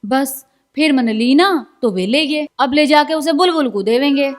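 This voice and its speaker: A woman's voice: high-pitched, moderate pace, soft background music. A woman playing a wheedling, insistent wife in a village comedy sketch. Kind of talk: rustic comedy acting.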